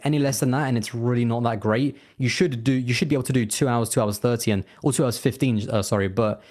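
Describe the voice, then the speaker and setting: With a medium-pitched, somewhat mellow voice, this man chats as an interview guest; he makes racing content. The conversation is casual, and his answers wander, thick with fillers and false starts.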